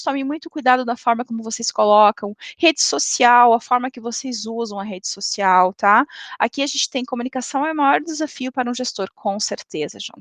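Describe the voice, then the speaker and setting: High-voiced woman giving a webinar lecture. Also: fairly bright tone, dry recording. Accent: Brazilian Portuguese. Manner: didactic, frequent "tá?" tag questions.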